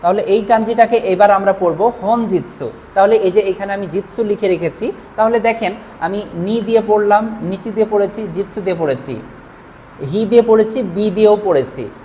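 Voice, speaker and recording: A woman's voice: medium pitch, warm tone, a little hiss or hum. Patient woman teaching at a whiteboard. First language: Bengali. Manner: patient, repeats each reading slowly while writing. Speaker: language teacher. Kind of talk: whiteboard language lesson.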